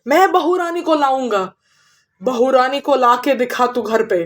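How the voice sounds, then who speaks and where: A woman voicing a stern male tantric exorcist who gives gruff commands. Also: sits high, animated, measured pace. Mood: commanding.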